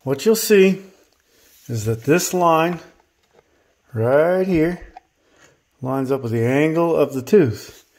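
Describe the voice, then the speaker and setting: Guy in his 30s showing how it's done in his home workshop, folksy, keeps saying okay?, lapel mic, bit high voice. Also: expressive, slow, long pauses, darkish tone. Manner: folksy, talks straight to viewers, many "okay?" checks. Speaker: chainsaw maintenance presenter. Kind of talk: casual workshop tutorial.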